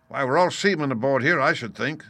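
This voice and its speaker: A man's voice: medium pitch, fairly quick, fairly bright tone, no room sound, pitched above the performer's own voice, lightly acted. A man voicing a blunt, cynical young pirate sailor in a storybook, complaining in seafaring talk. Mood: exasperated, scornful. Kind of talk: dramatised storybook reading.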